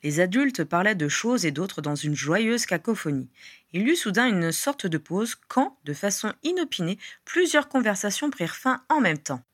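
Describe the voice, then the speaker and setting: A woman narrating a fan-written novel in a measured, expressive storytelling voice. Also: medium pitch, dry recording, studio quality. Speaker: audiobook reader. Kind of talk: scripted narration.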